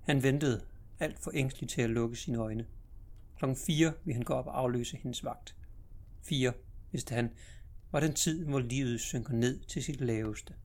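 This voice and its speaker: A man narrating an audiobook story in a measured, dramatic storytelling manner. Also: medium pitch, darkish tone.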